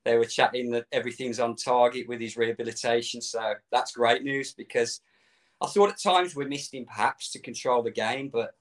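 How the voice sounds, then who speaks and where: A man's voice: medium pitch, fairly even intonation, fairly quick. Easygoing middle-aged man. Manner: rambling, easygoing, laughs often. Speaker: guest. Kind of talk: casual chat.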